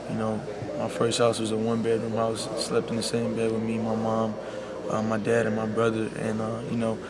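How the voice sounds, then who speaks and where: A young man, a college basketball player speaking softly and sincerely in a media scrum, leaning on "you know.". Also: lowish voice, monotone, brisk, over a noisy crowd. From Bahamas. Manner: soft-spoken and heartfelt, full of "you know". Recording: loud background noise.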